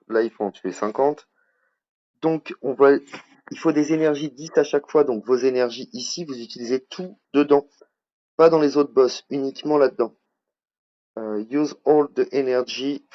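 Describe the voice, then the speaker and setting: A man's voice: mid-range voice, a little mellow, lo-fi sound. Chatty French-accented man explaining a game. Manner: rambling, chatty, self-admitted over-talker. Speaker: mobile strategy game YouTuber. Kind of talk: casual game tutorial over screen capture.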